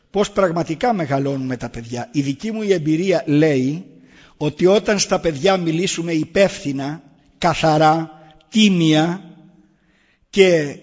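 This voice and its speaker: A middle-aged man with a slightly high, breathy-edged voice speaks earnestly to an audience and presses his points with rhetorical questions. His voice rings with a long echo from a large hall, and the recording sounds dull and muffled. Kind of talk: public talk on raising children.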